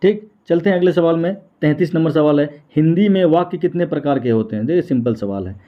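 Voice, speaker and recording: A man's voice: on the high side, quick pace. A man teaching a Hindi exam prep lesson. He asks questions and answers them himself, repeating each point. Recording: tinny phone-like sound.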